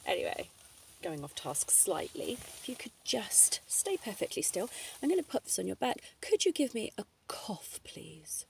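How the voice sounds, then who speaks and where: Woman as a creaky-voiced flirty doctor, whispered role-play. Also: mid-range voice, sing-song, moderate pace, darkish tone, distant mic, slight background noise. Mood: brisk, playful. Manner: coy, playfully bossy. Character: flirty, teasing female doctor giving a check-up.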